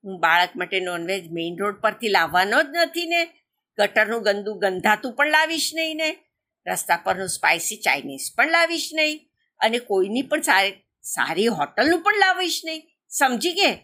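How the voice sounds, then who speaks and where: A jolly papa crow from a children's tale coaxes and teases in a lifted, bright voice, played by a woman storyteller. He talks in a playful, cajoling way. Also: sing-song, moderate pace. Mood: teasing. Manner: cajoling, teasing, higher than her narration. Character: jovial, wheedling father crow.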